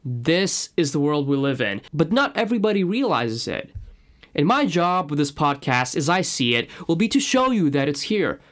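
A man's voice: on the high side, very animated, moderate pace, a bit bright. A man from Russia with a slight Russian accent, introducing his own podcast in an earnest, personal way. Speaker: podcast host.

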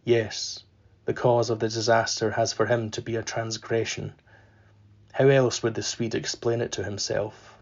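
A man reads literary fiction aloud in a level, flat voice that barely rises or falls. He takes his time, pausing deliberately between phrases. The sound is slightly dull and lo-fi, like a simple home podcast setup. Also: fairly low pitch. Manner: measured, unhurried reading with deliberate pauses. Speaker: podcast host reading a novel aloud. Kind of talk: literary reading with spoken afterword.

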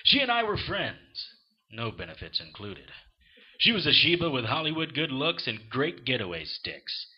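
An actor playing a short-tempered, sardonic supernatural private eye, with a husky voice and wry hard-boiled delivery in a noir audio drama. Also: male voice, mid-range voice, big pitch swings, normal speed, dull audio. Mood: wry narration.

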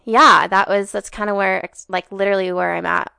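A young woman in her twenties talks as a podcast guest, animated and loose, leaning on "like" and dropping swear words in passing. Her voice carries a gravelly fry. The sound is dry and close, with no room around it. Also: mid-range voice, a little fast, no echo. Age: 20s. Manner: chatty and animated, heavy on "like", swears casually. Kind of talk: casual chat.

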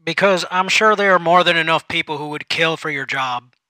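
A loud, overexcited supervisor with a patronizing, chummy push to every line, as a man puts him on. His voice is bright and sits a little high, recorded close and dry. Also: fairly quick, dry recording. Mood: overbearing. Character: overly chummy male office supervisor, pushy.

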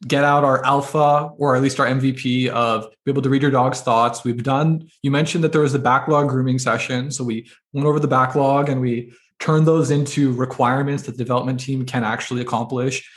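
A man's voice: mid-range voice, fairly even intonation, fairly quick, hardly any pauses. A man hosting a podcast interview, asking questions and telling a short fable in an easy, conversational way. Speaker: podcast host. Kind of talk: casual interview chat.

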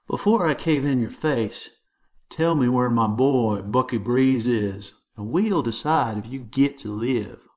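A man voicing a big menacing schoolyard bully with a high, wavering, twangy voice. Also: unhurried, natural voice. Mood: taunting.

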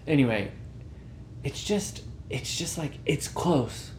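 A man co-hosting a casual podcast, talking in a lively, swooping voice that jumps up and down as he acts out reactions. The room around him sounds roomy and echoey. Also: a little high, takes it slowly, a crowd in the background. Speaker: podcast co-host.

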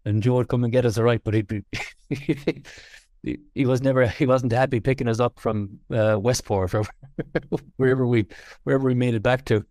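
A man with a west of Ireland accent chatting casually in an interview, halting and repeating words as he thinks. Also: medium pitch, steady tone, a little mellow, no room sound, studio quality. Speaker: fly fishing guest.

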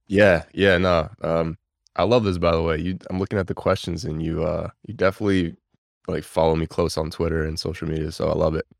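A young man from Bulgaria, whose first language is Bulgarian, chats as a podcast guest in a low, deep voice. He rambles easily and leans on fillers. The sound is close and dry. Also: a little fast, gravelly, no room sound. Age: 20s. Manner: relaxed, rambling, many fillers. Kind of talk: casual podcast interview.

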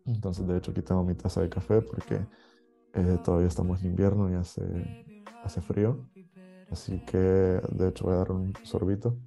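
A man from El Salvador with a Salvadoran Spanish accent, hosting a podcast in a relaxed, conversational monologue with fillers and light chuckles. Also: sits low, normal speed, creaky, soft background music. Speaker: podcast host.

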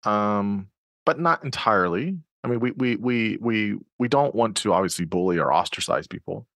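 Male host for a conversational interview: dry close sound, animated delivery, lots of "um" and restarts. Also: lowish voice, normal speed, no echo. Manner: thinks aloud with many fillers and restarts. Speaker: podcast host.

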